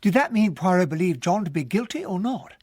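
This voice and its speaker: An actor playing an earnest, well-bred English army captain who narrates and talks in a radio drama, with an English accent. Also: male voice, sits high, very animated, fairly quick, darkish tone, husky, no room sound, full character voice. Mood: reflective narration. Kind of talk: radio drama acting and first-person narration.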